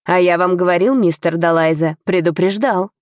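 A woman reading an audiobook, voicing a calm, commanding male estate manager. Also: fairly low pitch, no room sound, studio quality, lightly acted. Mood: stern. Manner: commanding, measured.

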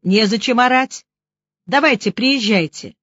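A woman's voice: fairly high pitch, unhurried, fairly bright tone, dry recording, dull audio. A woman voicing a blunt, bossy woman doctor who snaps out orders. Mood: curt. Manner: curt, scolding, snaps out orders.

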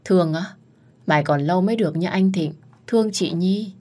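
A woman's voice: fairly low pitch, brisk, darkish tone, natural voice. A woman voicing a shy, sulky young girl who snaps back and pouts. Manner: pouting, retorting.

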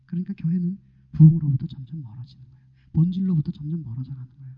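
A man preaching a sermon, dropping to whispers and rising to loud calls, often asking his listeners questions. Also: a little high, racing, slightly rough. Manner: swinging from hushed whispers to loud exclamations, asking the congregation questions. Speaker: pastor. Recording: dull lo-fi sermon recording.

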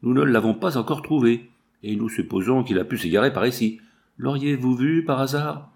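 A man reading an audiobook, voicing a rough, insolent male Italian shepherd who talks brusquely and mockingly. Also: mid-range voice, moderate pace, a little mellow, close to an everyday voice.

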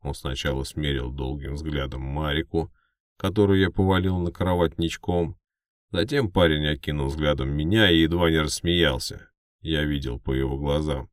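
A man narrates a first-person story in an audiobook style. His voice is extremely low, and the recording is dry with no room sound. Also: moderate pace, clean tone, no room sound.

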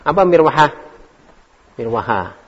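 A man's voice: a little high, big pitch swings, measured pace, husky. A man teaching an Arabic language class, calling on students by name, quizzing them on words and correcting their reading. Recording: echoey hall, dull lo-fi recording.

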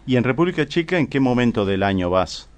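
A man's voice: medium pitch, big pitch swings, fast talker. A man, hosting a casual show, chatty and full of short agreements. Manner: chatty, with many short backchannels. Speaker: radio show host. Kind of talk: casual interview chat.

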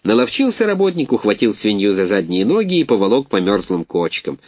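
Expressive male storybook narrator. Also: lowish voice, brisk, no room sound. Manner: animated, expressive reading.

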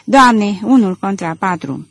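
A woman voicing a mocking gentleman thief. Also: medium pitch, lively intonation, creaky. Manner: sneering, playful. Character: gentleman thief, mocking, theatrical, confident man.

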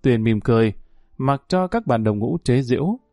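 A man reading a story aloud in steady, scripted narration. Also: medium pitch, normal speed, no echo, studio quality. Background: faint music.

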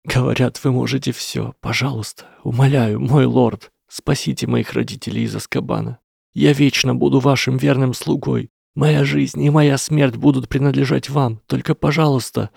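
A man's voice: mid-range voice, fairly even intonation, normal speed, creaky, a little mellow, breathy edge, no room sound, clean studio sound, voice pushed up. A man voicing a desperate, weeping young boy wizard who trembles, pleads and then screams, in an audiobook reading. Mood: pleading. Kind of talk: audiobook character voice.

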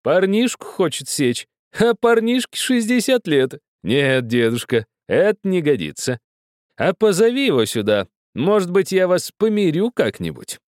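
A jovial old gentleman dandy in a storybook reading, his voice raised high above the reader's own and pushed louder, teasing and full of laughter, as a male narrator puts him on. The sound is dry and close. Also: very animated, moderate pace, dry recording. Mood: amused. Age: older. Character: cheerful old dandy mine manager, joking.

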